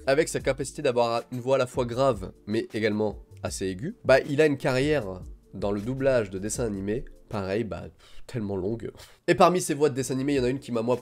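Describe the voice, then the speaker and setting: A man's voice: medium pitch, darkish tone. A man hosting a casual video commentary, talking in an enthusiastic, colloquial way. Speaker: video host. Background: background music.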